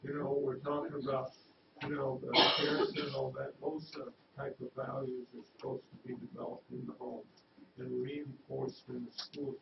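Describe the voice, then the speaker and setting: A man with a gravelly voice questions presenters at a school board meeting, stopping often on uhs and restarts. He is heard from a distance in an echoey room, and the sound is dull and noisy. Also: mid-range voice, flat delivery. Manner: halting, many uhs and restarts.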